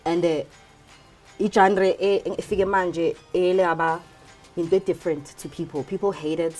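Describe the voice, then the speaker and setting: Lowish-voiced woman rapper. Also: steady tone, normal speed, darkish tone, faint music behind. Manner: laughing, mixes in Zulu, emphatic slang. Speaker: rapper guest. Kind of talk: casual panel chat.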